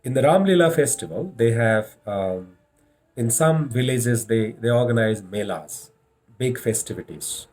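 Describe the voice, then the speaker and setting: A man with an Indian accent giving a motivational leadership lecture with storytelling, speaking deliberately and repeating phrases for emphasis. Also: medium pitch, animated, a little mellow. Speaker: leadership trainer.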